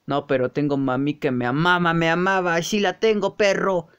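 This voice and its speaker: A man voicing a gruff, sulky grown man who keeps waiting for his mommy. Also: on the high side, fairly even intonation, normal speed, a bit bright, natural voice.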